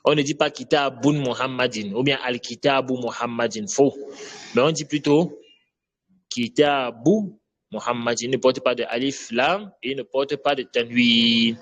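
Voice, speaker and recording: A man's voice: mid-range voice, steady tone, fairly bright tone. A man teaching an Arabic grammar lesson in French, drilling vocabulary and often checking with "d'accord?". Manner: slow, drills Arabic words, repeats "d'accord?".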